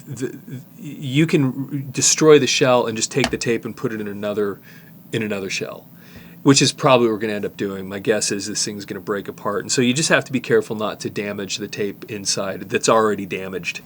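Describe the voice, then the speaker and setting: A middle-aged tape repair technician demonstrates fixing a cassette in his workshop, relaxed and thinking aloud with restarts and asides as he works. His voice is fairly low and fairly quick, with a little hiss or hum in the recording.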